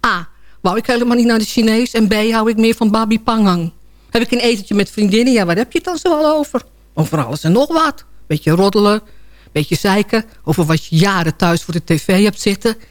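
A woman's voice: medium pitch, a little fast, dry recording. A woman delivering a comic radio column in a sardonic, chatty storytelling manner.

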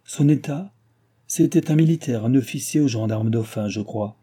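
A man voicing an excitable, tearful young noblewoman who talks in an insistent way. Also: mid-range voice, moderate pace, breathy edge, natural voice. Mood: upset.

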